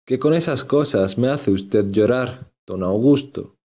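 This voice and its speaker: A man's voice: mid-range voice, lively intonation, unhurried, warm tone, highs cut off. A man voicing a shy, tearful young maid in a storybook reading, speaking in a hesitant, pleading way.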